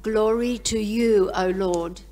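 A woman speaks short liturgical lines. Her pitch is average and her pace is slow and measured. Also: steady tone, mellow, faint music behind. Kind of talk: liturgical reading and responses.

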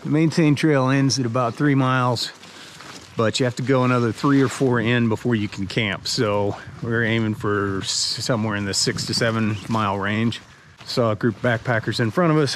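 A man's voice: medium pitch, fairly bright tone, a little hiss or hum. A man in his forties hosting a hiking vlog outdoors, chatting casually and joking between laughs. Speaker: hiking vlogger. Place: outdoors in a creek canyon. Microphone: camera-mounted mic held at arm's length. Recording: music playing behind.

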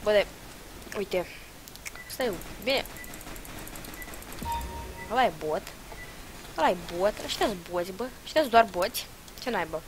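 A young woman giving casual, excitable commentary over her own gameplay, with loud outbursts and muttered asides. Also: medium pitch, pauses often, over music, rough recording. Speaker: gaming channel host.

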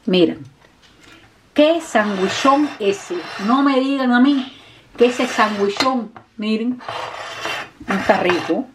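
A woman with a Cuban Spanish accent, chatting warmly to her viewers while cooking in her home kitchen, calling them "mi gente". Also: on the high side, a little slow, long pauses, background noise. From Cuba. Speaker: cooking vlogger. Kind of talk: casual cooking vlog talk to viewers. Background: dishes, pots and pans clattering.

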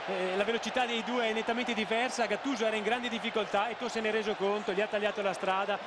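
A man's voice: sits high, steady tone, fast talker, very noisy. A man working as football co-commentator, explaining plays analytically in running sentences. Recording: loud stadium crowd roar behind voice. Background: roaring stadium crowd.

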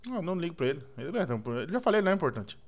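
Fast, excitable Brazilian guy gaming. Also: a little high. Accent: Brazilian Portuguese. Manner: teasing, mock-indignant, laughing. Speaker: gaming youtuber. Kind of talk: casual gameplay banter with friends.

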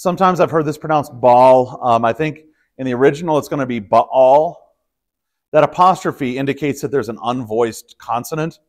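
A male pastor teaching a small Bible study group in an easygoing, explanatory way. He talks in a mid-range voice, pausing with ums and backing up to restart phrases as he thinks aloud. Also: mid-range voice. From Texas. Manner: conversational, explanatory, with frequent fillers and restarts. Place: church study room.

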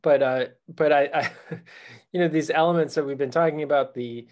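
A man co-hosting a podcast, talking about films in a halting way with many fillers. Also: a little high, a little mellow, lo-fi sound. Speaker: podcast co-host. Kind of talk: casual film discussion.

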